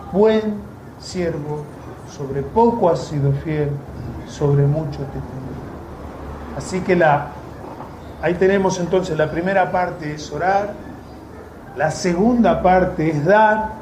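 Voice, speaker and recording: A man with an Argentine accent who preaches a conversational sermon in a church, with sarcastic asides. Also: on the high side. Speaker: missionary preacher. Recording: echoey church room, faint noise.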